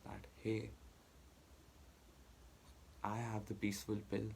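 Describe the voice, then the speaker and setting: A man delivering a heated, profane personal rant, halting and restarting as he argues. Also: fairly low pitch, completely flat delivery, creaky, a little mellow, a little hiss or hum, low-quality recording. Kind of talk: angry personal rant to camera.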